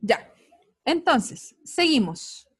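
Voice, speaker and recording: A woman's voice: high voice, big pitch swings. A woman with a Chilean Spanish accent teaching an online science class, checking in with students often and praising their answers. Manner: checks in often with quick tags, upbeat praise.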